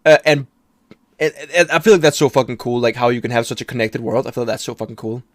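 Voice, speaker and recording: A man's voice: mid-range voice, fast, no room sound. A man talking loosely over a video he is reacting to, with a dry, close sound. He rambles, swears constantly and trips over his own sentences. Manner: rambling, profane, restarts often, laughs at himself. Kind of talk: casual reaction commentary.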